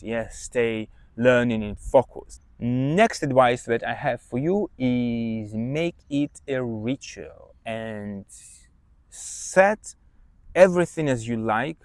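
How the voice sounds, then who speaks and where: Here the Russian-accented English teacher, a native Russian speaker, delivers casual study tips on his podcast in a medium pitch over a dry recording. The monologue is conversational and emphatic, peppered with "yeah?" check-ins.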